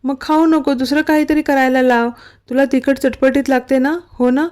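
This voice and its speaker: A woman reads a gentle, caring young man who coaxes and teases softly. Her voice stays fairly high and close to her own. It sounds like a storybook reading. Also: flat delivery, normal speed, natural voice. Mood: coaxing. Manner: gentle, coaxing questions. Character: caring older brother figure, gentle and teasing.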